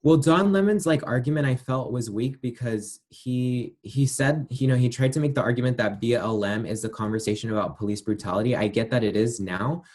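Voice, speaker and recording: A man's voice: mid-range voice, fairly quick, hardly any pauses, darkish tone. A man being interviewed, giving his views in a thoughtful, hedging way with many fillers. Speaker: interview guest. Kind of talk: casual interview answers.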